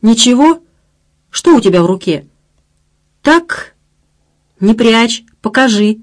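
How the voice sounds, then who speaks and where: A woman's voice: a little high, lively intonation, takes it slowly. A woman reading an audiobook, voicing a heated, suspicious adult man who demands and accuses. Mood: angry.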